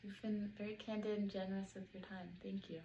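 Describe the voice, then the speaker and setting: A woman's voice: mid-range voice, level tone, fairly quick, dark tone, a little hiss or hum, poor audio. A young woman, a student, interviewing a partner and carefully reading prepared questions and explanations from notes.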